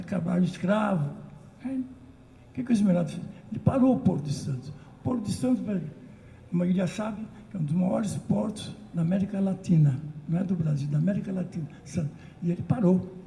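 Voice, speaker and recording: An older Brazilian woman telling an animated, emotional story of remembered traditions at a community talk circle. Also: mid-range voice, moderate pace, gravelly, a little hiss or hum. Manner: animated, emotional, breaks into chanted calls. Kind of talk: storytelling recollection. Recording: roomy echo.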